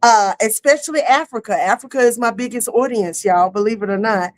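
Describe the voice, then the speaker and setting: High-voiced chatty woman host. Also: a little fast. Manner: lively, laughing, Southern-style casual talk with "y'all". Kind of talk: casual chat. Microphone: streaming setup.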